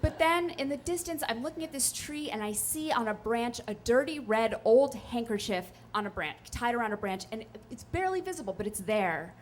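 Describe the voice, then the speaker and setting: A woman's voice: a little high, lively intonation, normal speed, few pauses. Chatty young woman telling a comic story. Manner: chatty, self-deprecating, full of "like" and "um". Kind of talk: live comic personal storytelling. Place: stage at a live storytelling night.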